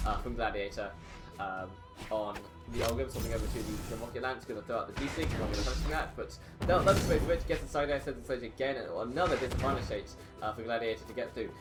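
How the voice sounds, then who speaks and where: Casual male fighting game announcer over music. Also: medium pitch. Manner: hesitant, casual announcer, repeats and trails off mid-phrase. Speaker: esports tournament commentator. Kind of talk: fighting game play-by-play commentary.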